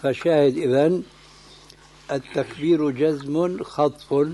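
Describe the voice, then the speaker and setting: Mellow-voiced scholar correcting firmly. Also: male voice, on the high side, steady tone, measured pace. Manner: emphatic, corrective, asks and answers his own questions. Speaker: religious scholar teaching. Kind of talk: religious lesson with corrections.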